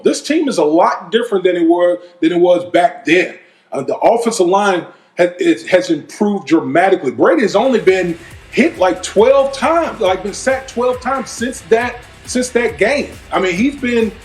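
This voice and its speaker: Guy analyst talking football, pretty high voice, informal, echoey room. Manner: informal, repeats himself, says "listen" and "you know". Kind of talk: sports debate talk. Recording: roomy echo, music behind.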